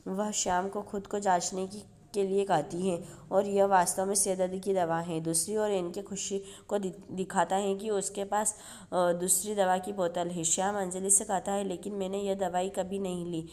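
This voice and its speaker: A YouTube channel host reads a TV serial episode recap in a mellow, soft-edged voice with flat, level pitch. She keeps a normal speed with hardly any pauses, delivering a steady read-through and reading the characters' lines in her own voice rather than acting them.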